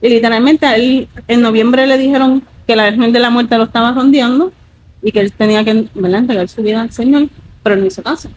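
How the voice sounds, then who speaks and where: Woman in her 30s giving a testimony, kinda high voice, lots of "pues". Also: fairly even intonation, fast, a little mellow, lo-fi sound. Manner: earnest, with many fillers like "pues" and "¿verdad?". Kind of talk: emotional personal testimony.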